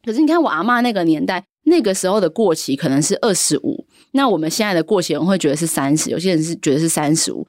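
Quick chatty woman in her 30s, lowish voice, dry close sound. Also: dry recording. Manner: animated storyteller, mimics relatives. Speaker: podcast co-host. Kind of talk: casual chat.

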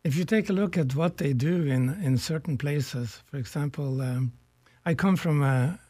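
An older man from Norway talks as a guest on a radio conversation, reflective and unhurried, pausing to search for words. His voice sits a little high for a man but sounds soft and mellow. The sound is close and dry. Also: no room sound. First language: Norwegian. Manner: reflective, slow and searching with pauses. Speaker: guest, economics professor emeritus.

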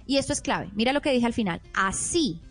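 A woman's voice: on the high side, lively intonation, a little fast, soft background music. A woman parenting expert explaining in a teaching manner, acting out example phrases a parent might say. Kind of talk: explanatory podcast talk.

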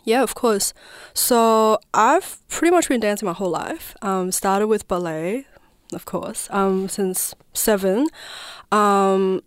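Smooth-voiced woman. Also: medium pitch, slow pace, no room sound, clean studio sound. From southwest China. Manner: reflective, hedging with frequent "I suppose" and "like". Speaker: guest artist. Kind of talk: casual radio interview. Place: radio studio.

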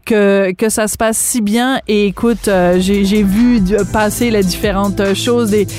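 A woman's voice: medium pitch, fairly even intonation, a little slow, a little mellow, soft background music. A female radio host wrapping up an interview, thanking her guest with some hesitations.

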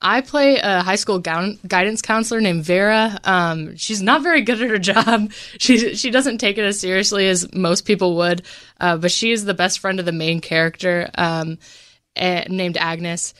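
A woman's voice: mid-range voice, moderate pace, a bit bright. A young woman, a stage actor, speaking as a guest in a casual radio interview, friendly and a little hesitant.

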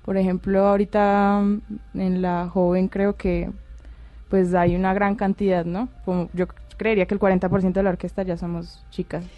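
Speaking in a Colombian accent, this orchestral violinist in her twenties handles a casual, informal interview as a guest, answering hesitantly. Her medium-pitched voice is flat in delivery and moves at normal speed. The audio is dry, with the high frequencies cut off.

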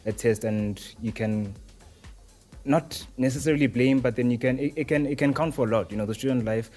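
A man's voice: mid-range voice, brisk, mellow, faint music behind. A young man from Johannesburg answering interview questions, hesitant and rambling with restarts. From Johannesburg, South Africa. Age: young adult. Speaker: interviewee, student radio presenter.

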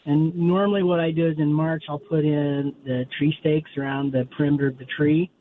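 A man's voice: a little high, steady tone, a little fast. A man calling in to a radio show over the phone, talking casually and searching for his words. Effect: heard over the phone. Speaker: radio call-in caller. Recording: tinny phone line, faint hiss.

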